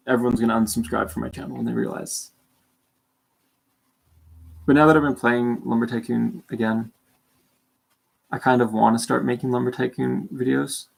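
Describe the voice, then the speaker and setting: Recorded in low quality, this young Canadian streamer's creaky, mid-range voice betrays a sore throat and drowsiness. In his late teens, he rambles through livestream chat, correcting himself, restarting a lot and being self-deprecating.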